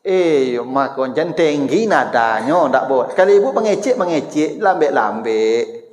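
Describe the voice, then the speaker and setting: Lively high-voiced Minangkabau preacher. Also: male voice, moderate pace. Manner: lively and teasing, acts out everyday exchanges. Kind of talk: lecture-style sermon. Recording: echoey hall with long reverb.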